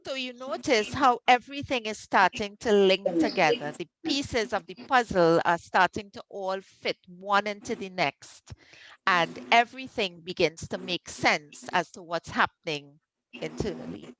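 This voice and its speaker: Crowd noise runs under this low-quality video-call recording of a Trinidadian woman, a health coach hosting an online health workshop. Unhurried and persuasive, she makes a warm, encouraging pitch peppered with ums.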